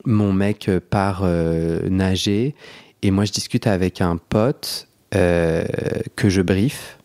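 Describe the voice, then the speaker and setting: Chatty young man with a low voice. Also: slow pace, darkish tone. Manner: chatty, laughing, many restarts and fillers. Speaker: podcast host. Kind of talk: casual storytelling chat.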